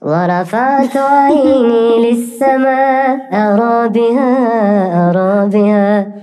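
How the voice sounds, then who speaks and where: A man singing slowly in a squeaky chipmunk voice after inhaling helium, as a guest on a game show. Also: warm tone, clean tone, soft background music. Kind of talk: singing a song and a religious chant.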